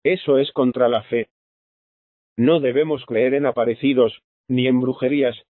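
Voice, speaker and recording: A man's voice: mid-range voice, fairly even intonation, moderate pace, no echo, natural voice. A man reading the part of a shy, devout young priest who speaks earnestly and a little hesitantly, heard through a tinny phone-like sound.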